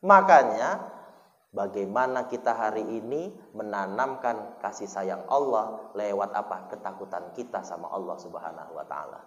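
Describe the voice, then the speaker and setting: A man's voice: fairly low pitch, normal speed. A man giving a colloquial sermon, telling jokey stories and addressing listeners directly. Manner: jokey, acts out dialogue in anecdotes. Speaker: preacher. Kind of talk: sermon with storytelling. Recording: dull echoey hall sound.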